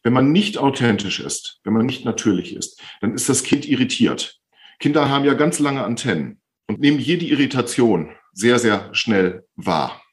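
A man who works as a speech therapist, calmly and patiently explaining as a podcast guest, often repeating phrases to stress them. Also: mid-range voice, moderate pace. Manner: calm, patient explaining with frequent repetitions.

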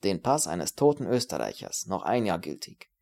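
A man voicing a worldly male exile with a brisk, matter-of-fact manner, a touch louder than his narration. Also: deep voice, very animated, creaky, pitched below the performer's own voice, heavily acted.

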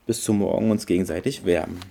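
A man's voice: low-pitched, fast, creaky, warm tone. A man voicing a lonely, grumpy male forest creature in a storybook reading. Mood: wistful. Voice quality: grumbling.

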